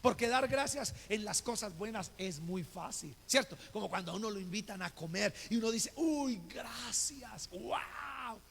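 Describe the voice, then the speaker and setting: High gravelly Colombian pastor preaching. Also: male voice, a little fast, hardly any pauses, fairly bright tone. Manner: storytelling, acting out dialogue. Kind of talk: sermon. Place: church. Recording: reverberant church hall with faint noise.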